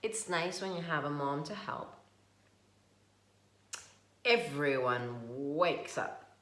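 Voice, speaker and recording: A woman reads a picture book aloud to young children in an echoey room, slow and expressive, pausing to ask them questions. Her voice is low-pitched.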